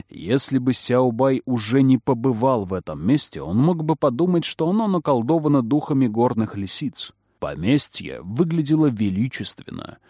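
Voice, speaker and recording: Male storybook narrator, mid-pitched, animated intonation, dry close recording. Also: no echo. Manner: expressive, varied intonation. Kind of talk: storybook reading.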